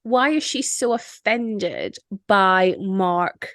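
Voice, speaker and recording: A woman's voice: medium pitch, expressive, extremely slow, fairly bright tone, dry recording, clean studio sound. A young adult woman hosting a podcast, retelling a film scene by scene in casual chat and acting out the characters' lines with lots of laughter. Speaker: podcast host.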